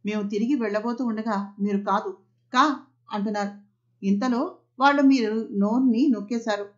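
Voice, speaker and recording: A woman's voice: fairly high pitch, fairly even intonation, normal speed, lightly acted. A woman doing a teasing young man. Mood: explaining. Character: young man, teasing, quick-witted rescuer. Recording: slightly muffled audio.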